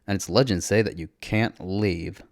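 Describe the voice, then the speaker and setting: A man voicing a cheerful, clueless, playful young woman who talks in a bubbly, excitable way. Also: low-pitched, normal speed, dry recording, studio quality.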